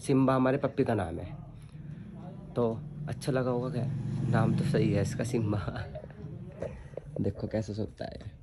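A man's voice: mid-range voice, moderate pace, pauses often, heavy background noise. A young man, chatting and teasing his family while filming a casual vlog at home on his phone. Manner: teasing, chatty, addresses viewers as guys. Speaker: vlogger.

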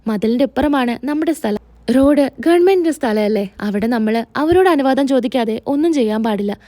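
A woman doing a calm older father. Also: high voice, brisk, no echo.

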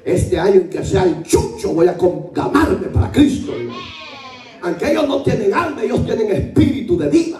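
A male pastor preaching a sermon to his church, animated and joking as he tells stories. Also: a little high, echoey room, recorded from a distance. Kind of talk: Pentecostal sermon. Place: church hall.

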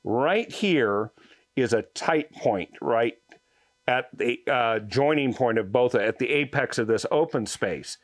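A man's voice: medium pitch, expressive, slow, dry recording. Older male host, folksy hands-on tool reviewer, dry close sound. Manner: folksy, explanatory, hands-on demonstrating. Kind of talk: casual product review. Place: garage workshop, then outdoors on a farm yard.

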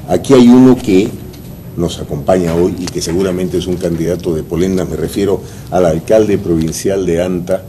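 An older man hosting a TV talk show in a studio, formal and animated as he introduces guests and asks questions. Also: deep voice, a little hiss or hum. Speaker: TV host. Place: TV news studio.

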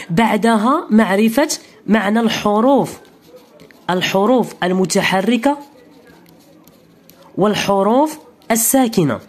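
A woman with a Moroccan Arabic accent teaches a beginner lesson in a slightly husky voice. Her pitch moves a lot as she explains, and she is patient and repetitive. She keeps checking that the learner is following.

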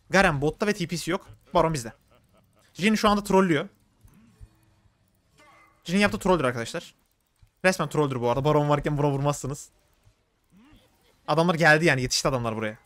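A man streaming a video game, giving quick play-by-play and complaining about his teammates. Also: fairly high pitch, fairly bright tone, no room sound. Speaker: gaming streamer. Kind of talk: live gameplay commentary.

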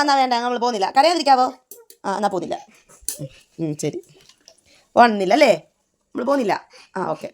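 A woman's voice: a little high, noisy background. A woman filming a casual family vlog at home, talking to the viewers and coaxing her small child in a sing-song way. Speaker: vlogger and mother.

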